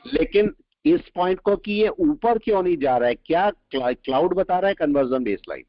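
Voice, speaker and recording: A man teaching a live trading class, explaining points and quizzing his students with quick questions. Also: high-pitched, big pitch swings, dry recording. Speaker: trading instructor. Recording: dull lo-fi audio, dry.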